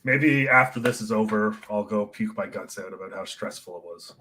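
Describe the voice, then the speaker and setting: A man's voice: fairly low pitch, moderate pace, sharp tone, breathy edge, low-quality recording. A man who wrote the trivia questions, announcing the answers and the scores with wry jokes. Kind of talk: casual chat.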